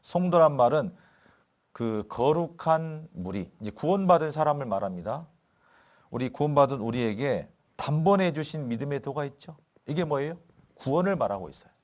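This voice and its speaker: A man's voice: on the high side, expressive, a little mellow. A man preaching a sermon as pastor, asking his listeners questions and answering them himself. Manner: reads scripture slowly and deliberately. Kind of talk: sermon at a Bible lecture.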